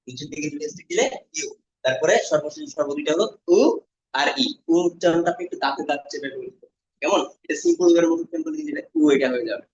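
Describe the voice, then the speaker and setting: A male language teacher leading a class, explaining vowel shapes step by step, repeating each sound and quizzing his students. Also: a little high. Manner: asks students questions, repeats sounds slowly. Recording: dull lo-fi classroom recording.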